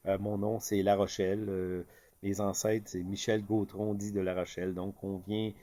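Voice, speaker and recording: A market commentator from Quebec speaks with a Québécois French accent in a fairly low, warm voice, keeping a level tone at normal speed. His casual commentary is hesitant, packed with fillers and restarts.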